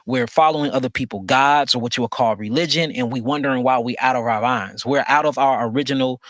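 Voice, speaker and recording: Casting: emphatic man, bright forceful tone, dry close recording. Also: medium pitch, fast, dry recording. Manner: emphatic, repeats phrases, asks rhetorical questions. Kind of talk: conversational monologue.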